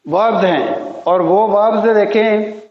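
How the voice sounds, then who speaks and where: A man teaching English pronunciation, speaking slowly and repeating each word several times. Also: high-pitched. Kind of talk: slow classroom pronunciation lesson. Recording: echoey, dull lo-fi room sound.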